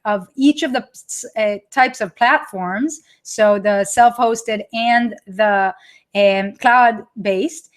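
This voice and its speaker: Hosting a live webinar, a woman with an Israeli accent presents her product while chatting with viewers, reading the live chat and reacting to it. She often restarts her sentences. Her voice sits at a medium pitch and her pace is slow.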